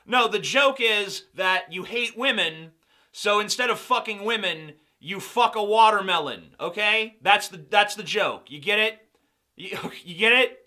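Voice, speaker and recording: Young male commentator, sarcastic and mocking, high bright voice. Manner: mocking, sarcastic, laughs at own jokes. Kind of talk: sarcastic commentary on video clips.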